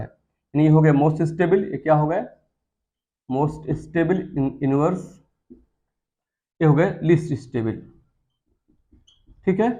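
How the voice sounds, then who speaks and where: A man teaching chemistry, his voice pitched a little high for a man. He repeats key terms and keeps turning to his students with questions. The recording sounds dull and lo-fi. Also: a little mellow. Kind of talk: classroom lecture.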